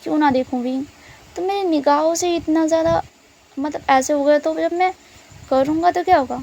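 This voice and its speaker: A woman voicing an adoring, teasing young man in love, speaking low and coaxing in her own high voice. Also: normal speed, vocal fry, darkish tone. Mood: intimate, teasing.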